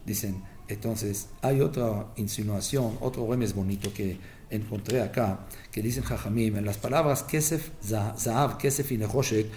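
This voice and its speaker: Man teaching a Torah lesson, warm voice, storytelling rabbi, faint ambient noise. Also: lowish voice, normal speed, hardly any pauses. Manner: storytelling teacher, asks listeners "¿sí?"; acts out the family members' replies in a raised voice.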